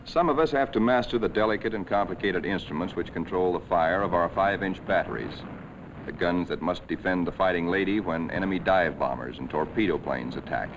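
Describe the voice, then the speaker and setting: A solemn, deliberate male narrator with a low voice speaks scripted lines for a 1940s wartime documentary. The old film audio sounds dull and carries heavy background noise.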